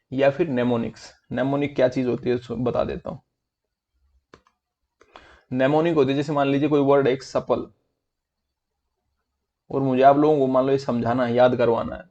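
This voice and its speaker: A man's voice: medium pitch, darkish tone, highs cut off. A man teaching an online vocabulary class for exam prep, in a chatty, friendly way that mixes Hindi and English.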